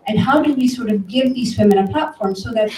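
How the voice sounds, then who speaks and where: An Ethiopian woman, a tech company director speaking at a conference, gives an informal talk with anecdotes before an audience, addressing listeners directly. Her voice is soft-edged, mellow, fairly high and brisk. The distant mic makes the event room sound roomy and reverberant, with faint background noise.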